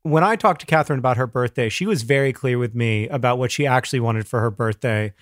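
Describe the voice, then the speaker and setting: A man's voice: medium pitch, quick pace, no room sound, clean studio sound. A man co-hosting a podcast in casual, earnest banter, with a thin, slightly tired voice that leans on repeated words for emphasis. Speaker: podcast co-host.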